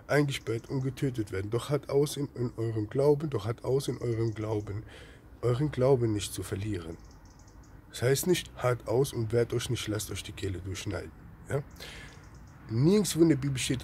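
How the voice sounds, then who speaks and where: Fervent man preaching with rhetorical questions. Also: slight background noise. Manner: rhetorical questions with constant tag "ja?"; swings between loud outbursts and low murmurs. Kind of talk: impassioned religious rant.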